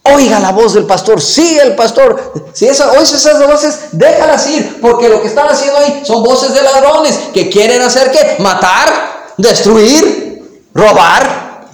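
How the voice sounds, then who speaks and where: A male pastor preaches a sermon in an unhurried, deliberate delivery, his voice sitting noticeably high for a man. He reads verses aloud and then presses the listeners with emphatic, rising exhortations. The sound is roomy and echoey, as in a church hall.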